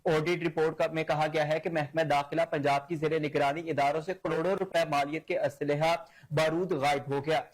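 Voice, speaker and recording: A man, a news anchor reading a scripted bulletin in a formal, measured way. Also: on the high side, fairly even intonation. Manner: formal, measured newsreader delivery.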